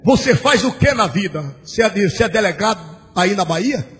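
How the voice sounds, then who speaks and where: A pastor preaches in a very high voice, swinging between shouted lines and sing-song cadences as he acts out both sides of a story. The old church recording carries long hall reverb and a faint hiss. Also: lively intonation, brisk. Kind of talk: sermon. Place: large church.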